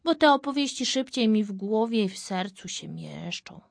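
A woman's voice: mid-range voice, animated, normal speed, gravelly, over loud music. A woman chatting reflectively with a storyteller, sharing thoughts and memories. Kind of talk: casual chat.

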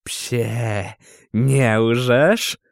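Male narrator reading an audiobook, slow, dramatic, dry close mic. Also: medium pitch, creaky, dry recording. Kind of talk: scripted narration.

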